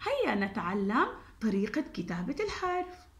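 A woman's voice: fairly high pitch, very animated, moderate pace. A woman teaching young children in a distance-learning lesson, encouraging and sing-song. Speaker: kindergarten Arabic teacher.

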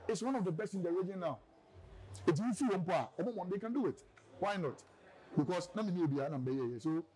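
A man with a Ghanaian accent talks through his story in a relaxed interview. His voice is mellow and a little high. He rambles and slips between a local language and English. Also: low-quality recording. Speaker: radio presenter, guest.

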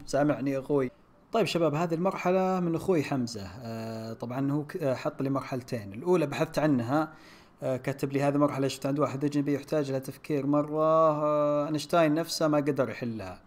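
A young man, playing a platform game on his channel and commenting casually, groaning and shouting as he plays. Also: a little high, rapid-fire. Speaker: gaming YouTuber.

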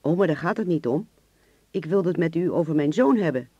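Brief: a man voicing a soft-spoken killer for a radio play, courteous on top, ice beneath. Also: on the high side, expressive, brisk, breathy edge, dry recording, muffled recording. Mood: pleading. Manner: polite on the surface, coldly threatening. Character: soft-spoken menacing hitman posing as a father.

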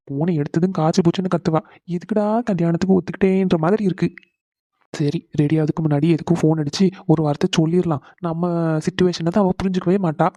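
A woman's voice: fairly low pitch, mellow, no echo, lightly acted. A woman voicing a tired young groom in a cartoon, pleading with his bride. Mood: weary. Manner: quick, weary and coaxing. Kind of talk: cartoon voice acting.

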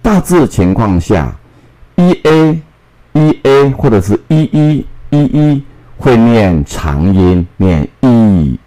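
Slow, lively male English teacher. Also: mid-range voice, low-quality recording. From Taiwan. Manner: slow, drawn-out spelling and word repetition. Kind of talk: classroom phonics lesson.

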